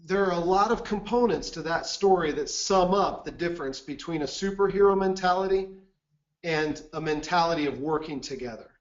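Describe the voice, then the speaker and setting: A man giving a seminar presentation, telling a mission-trip story in an earnest, measured way. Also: fairly high pitch, highs cut off. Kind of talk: webinar presentation with anecdote.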